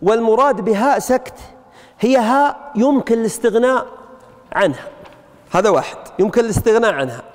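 A high-pitched man teaches grammar to a roomful of students. He often stops to put questions to them. His voice rings out with a long reverb, as in a large lecture hall. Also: animated, fairly quick, pauses often. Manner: asks the class rhetorical questions, frequent "ha" prompts.

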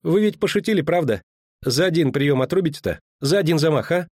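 A man voicing a cheeky, talkative young bard in a high, wailing voice in an audiobook. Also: expressive, darkish tone, dry recording, clean studio sound. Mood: pleading. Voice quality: high and wailing, fast complaining.

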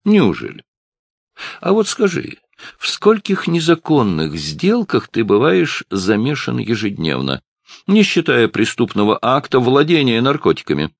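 A man voicing a big, loud, mocking man who taunts others in an audiobook. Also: medium pitch, wildly swooping pitch, measured pace, vocal fry, no echo, pitched above the performer's own voice, heavily acted. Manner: jeering, raised voice.

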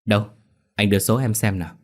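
A man's voice: lowish voice, fairly even intonation, fast talker, close to an everyday voice. A man voicing a curious young man who asks a lot of questions in a ghost story. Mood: eager.

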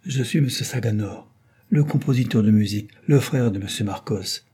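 A man's voice: medium pitch, moderate pace, warm tone, breathy edge, lightly acted. A man doing a grieving tearful composer. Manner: sorrowful, earnest. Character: grieving middle-aged male composer, tearful.

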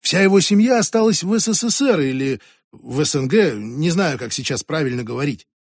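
A man's voice: a little high, animated, a little fast, dry recording, studio quality. A man voicing a flustered young religious lieutenant who talks in an awkward, mumbling and blunt way. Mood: impatient.

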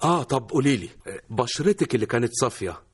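A man's voice: mid-range voice, big pitch swings, fast talker, husky. An actor playing a teasing, joking young man with an Egyptian accent in a radio drama. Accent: Egyptian Arabic. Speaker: suitor.

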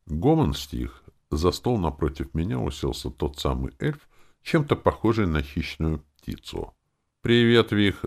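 Male audiobook narrator, very low gravelly voice, animated delivery. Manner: lively, raises pitch for quoted speech.

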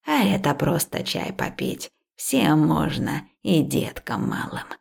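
A wise, stern old herbalist woman, as a female narrator puts her on, in a storybook reading. She speaks slowly and low, with a gravelly, darkened tone. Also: sing-song, darkish tone, full character voice. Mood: instructive. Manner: slow, low, measured instructions.

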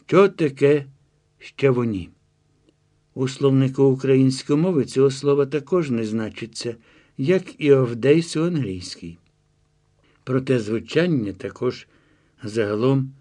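A man's voice: medium pitch, a little mellow, natural voice. A man reading the lines of a chatty, self-assured guide who explains his reasoning with confiding asides.

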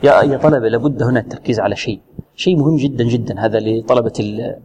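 A male Quran recitation teacher giving a classroom lesson, quizzing students with short questions and stretching out sounds slowly to model pronunciation. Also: mid-range voice, dark tone, slight background noise. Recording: long reverb, hall-like room.

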